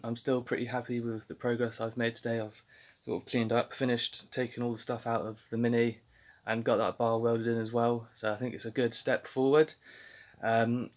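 Young man chatting in his garage. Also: mid-range voice. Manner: relaxed, rambling, many fillers and restarts. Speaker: car restoration vlogger. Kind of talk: casual workshop narration. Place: home garage workshop. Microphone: handheld phone camera.

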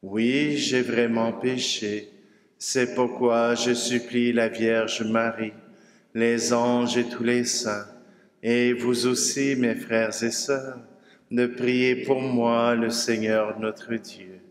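Slow, solemn priest in an echoing church. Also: male voice, mid-range voice, level tone. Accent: Québécois French. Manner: slow, solemn, measured delivery. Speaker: priest celebrating mass. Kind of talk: liturgical prayer. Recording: echoey church with long reverb.

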